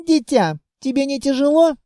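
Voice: high-pitched, very animated, moderate pace, dark tone, dry recording, clean studio sound, pitched above the performer's own voice. A reader voicing a stern adult witch who speaks in a reproachful way in an audiobook.

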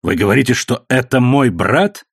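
A man reading the part of a grim, furious English gentleman held in chains, bitter and accusing. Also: medium pitch, lively intonation, normal speed, gravelly, breathy edge, dry recording, clean studio sound, pitched above the performer's own voice. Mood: angry.

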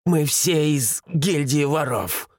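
A frightened masked raider pleads in a strained, raised voice, as a man voices him. The tone is husky and dry, with pitch jumping around. It is audiobook acting. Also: expressive, slow pace, no echo. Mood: pleading.

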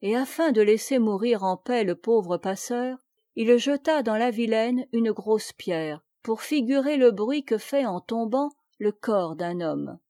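A woman narrates a classic tale in a measured, unhurried reading voice. Her tone is mellow and soft rather than bright. The recording is close and dry, with no room sound. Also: a little high, lively intonation, dry recording. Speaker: audiobook reader.

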